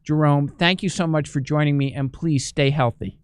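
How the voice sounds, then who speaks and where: A middle-aged male host with a smooth, resonant voice recorded close and dry. He speaks in a measured, somewhat halting way, restarting his phrases as he asks questions. His pitch sits slightly high. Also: steady tone, dry recording. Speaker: interview host, journal editor. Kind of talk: interview hosting.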